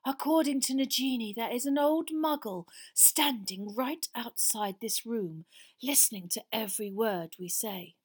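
A woman voicing a cold, cruel dark lord in a storybook reading, with a whispery, slow and deliberate delivery. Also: fairly high pitch, pitched above the performer's own voice. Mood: cold, commanding. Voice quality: whispery, breathy.

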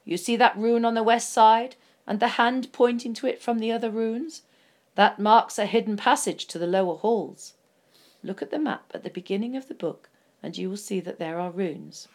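A woman voicing a stern, commanding old male wizard in a storybook reading, speaking forcefully and with emphasis. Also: fairly high pitch, moderate pace, natural voice.

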